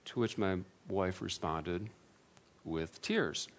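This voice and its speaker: A man giving a personal testimony to an audience, earnest and self-deprecating, with halting restarts. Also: low-pitched. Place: room with an audience.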